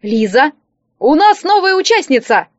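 A woman voicing a bossy village woman who shouts commands. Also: high-pitched, big pitch swings, moderate pace, no echo, lo-fi sound, voice pushed up. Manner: loud, commanding. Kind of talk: audiobook character voice.

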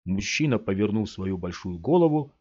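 A man's voice: lowish voice, animated, moderate pace, a little mellow. A man reading an audiobook story aloud as narrator. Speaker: audiobook reader. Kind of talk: scripted narration. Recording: dry, slightly muffled.

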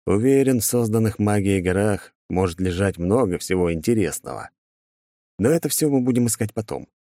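A male narrator with a fairly low voice reads a first-person story in a measured, even manner. The recording is dry and close, with no room around it. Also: no room sound. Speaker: audiobook narrator.

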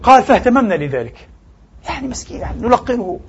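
Guy preaching a friday sermon, high husky voice, muffled lo-fi tape. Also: big pitch swings, fast. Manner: emphatic preaching, rising and falling sharply; addresses the congregation as brothers and sisters.

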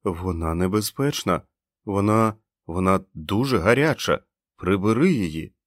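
A man voicing a terrified male henchman who speaks hoarsely and trembles as he coaxes. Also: low voice, lively intonation, unhurried, no room sound, studio quality. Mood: urgent pleading.

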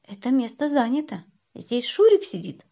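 A woman's voice: big pitch swings, moderate pace, mellow. A woman voicing an earnest, anxious young boy who pleads in a raised voice, on a dull lo-fi recording. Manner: pleading, pitched up.

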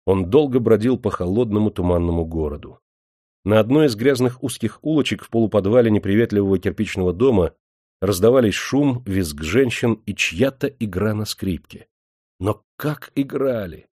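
A man narrating an audiobook in a measured, steady reading style. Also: fairly low pitch, no room sound, clean studio sound. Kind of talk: scripted narration.

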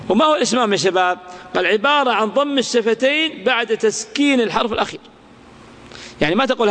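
A male grammar teacher giving a classroom lecture. He chants lines of verse slowly, then explains them with worked examples and quick questions to his students. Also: high-pitched, fairly bright tone. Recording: long hall reverb.

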